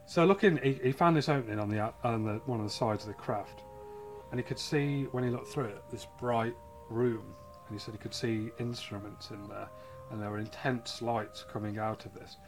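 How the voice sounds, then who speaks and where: A man hosting a casual podcast, telling a case and reading quotes aloud with halting restarts. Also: medium pitch, over music.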